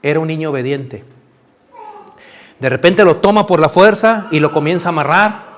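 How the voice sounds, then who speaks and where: High-voiced preacher telling a story. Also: male voice, moderate pace, a little hiss or hum. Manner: addresses listener directly, acts out figures. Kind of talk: dramatic sermon storytelling.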